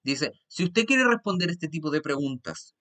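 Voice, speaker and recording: Man, Chilean Spanish accent, English teacher, patient online lesson, bright voice, slightly high. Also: lively intonation. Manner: patient, repeats "¿ya?" to check understanding; switches between Spanish and slowly spoken English. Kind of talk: online class explanation.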